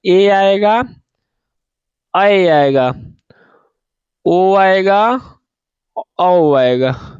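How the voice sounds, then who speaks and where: Male Hindi tutor, very high pitch, dry close sound, drills students with repeated questions. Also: no room sound, dull audio. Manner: asks students questions and answers them himself; calls students "babu", repeats key points. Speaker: Hindi teacher. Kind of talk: online exam-prep class.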